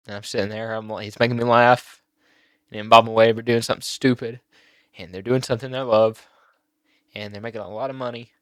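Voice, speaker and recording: A teenage boy talking on his own channel, emotional and halting, near tears at times. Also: medium pitch, clear, resonant tone, no room sound, studio quality. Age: teens. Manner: emotional, halting with many fillers and restarts. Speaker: YouTuber. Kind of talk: personal vlog talk.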